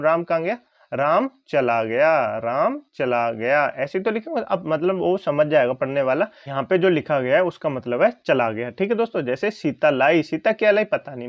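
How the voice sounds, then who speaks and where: A male teacher giving an exam-prep lesson, who asks his own questions and then answers them, rising on each check and dropping low on the answer. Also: no room sound, dull audio.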